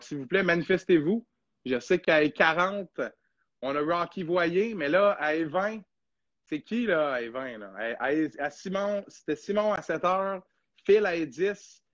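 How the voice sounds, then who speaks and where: A man's voice: on the high side, a bit bright, no echo, dull audio. Chatty Québécois man hosting a podcast. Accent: Québécois French. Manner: chatty, rambling, hesitant with many fillers. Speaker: podcast host. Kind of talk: casual live podcast chat.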